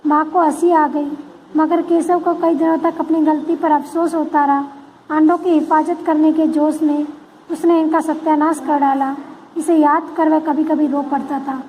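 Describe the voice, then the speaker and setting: A woman teacher with a very high, light voice reads a textbook story aloud. After each passage she retells it in simpler words, the way a teacher explains a lesson. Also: flat delivery, moderate pace, mellow, a little hiss or hum, low-quality recording. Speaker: school teacher.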